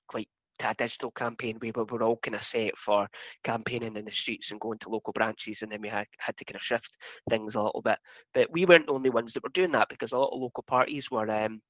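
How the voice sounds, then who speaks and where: A man from the Scottish Highlands with a Highland accent, giving an informal political talk in a hesitant, halting way with repeated words. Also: a bit bright, no room sound, low-quality recording. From Scottish Highlands and Islands. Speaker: political campaigner.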